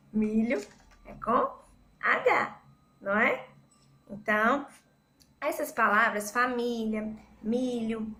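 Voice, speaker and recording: A Brazilian woman teaching a recorded school lesson, patiently repeating words slowly to explain a spelling rule. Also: a little high, fairly bright tone. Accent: Brazilian Portuguese.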